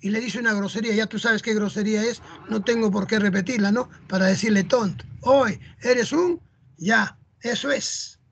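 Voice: medium pitch, fairly even intonation, fairly quick, fairly bright tone, husky, lo-fi sound. A teacher from Peru with a Peruvian Spanish accent, explaining a lesson in a chatty way, often adding "¿no?" and "¿ah?". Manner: chatty, tags lines with rhetorical "¿no?" and "¿ah?".

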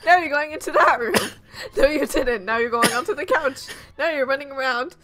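A woman's voice: high voice, a little fast, bright, forceful tone. A young woman gaming online, giving a giggly, teasing running commentary to her friends over a headset mic. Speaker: gamer, channel host. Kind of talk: casual gaming chat.

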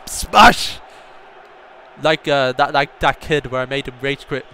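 A young man commentating his own gameplay, telling a story and bursting into excited shouts at the game. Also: mid-range voice, moderate pace, slight background noise. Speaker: gaming YouTuber.

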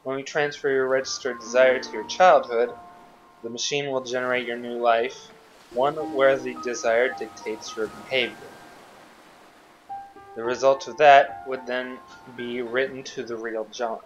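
A man reading the lines of a calm female scientist in a game playthrough, in a measured, explanatory way. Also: mid-range voice, dull audio, faint music behind, close to an everyday voice. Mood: explaining.

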